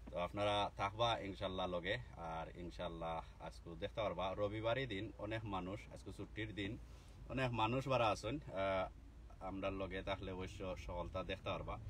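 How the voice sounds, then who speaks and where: A man from Bangladesh with a Sylheti accent, chatting casually and teasingly on a live stream from a car. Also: low-pitched. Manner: chatty, teasing, peppered with inshallah. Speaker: vlogger livestreaming from a car. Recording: faint background noise.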